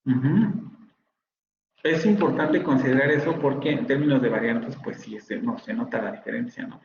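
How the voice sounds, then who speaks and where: Guy teaching a phonetics class online, patient, repeats words slow, echoey dull computer mic. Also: mid-range voice, gravelly, darkish tone. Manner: patient, explanatory, repeats words to model pronunciation. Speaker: university phonetics professor. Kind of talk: online lecture.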